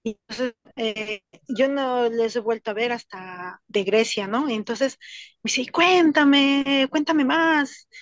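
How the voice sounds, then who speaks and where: A woman on a video call, telling an anecdote in a casual, animated way and laughing often. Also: a little high, measured pace, dry recording, lo-fi sound. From Latin America, immigrant in Switzerland. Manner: animated, laughs often, acts out quoted voices. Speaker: book club participant.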